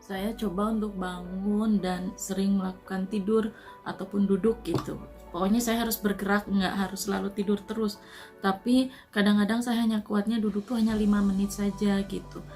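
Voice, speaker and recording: A woman from Indonesia casually recounting her own illness and recovery at home, soft and earnest, often trailing off at the ends of phrases. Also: mid-range voice, steady tone, normal speed, faint music behind. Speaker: Indonesian migrant worker sharing her COVID recovery. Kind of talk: casual personal storytelling.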